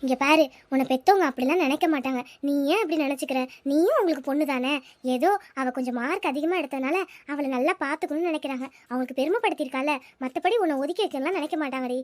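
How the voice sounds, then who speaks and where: A woman's voice: high voice, fast talker, dry recording, natural voice. A woman voicing a caring, talkative village schoolgirl, coaxing and reassuring her friend. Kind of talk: cartoon voice acting.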